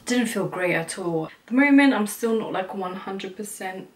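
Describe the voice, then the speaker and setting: A woman's voice: mid-range voice, animated, moderate pace. Chatty young woman vlogger, slightly distant. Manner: chatty, peppered with "like" and "you know". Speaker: beauty vlogger. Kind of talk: casual chat to camera.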